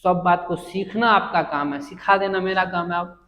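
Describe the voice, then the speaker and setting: High-voiced man teaching math, echoey room. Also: fairly even intonation, bright, forceful tone. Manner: chatty, teasing, repeats key phrases slowly. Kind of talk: blackboard math lecture. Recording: long reverb of an echoey classroom.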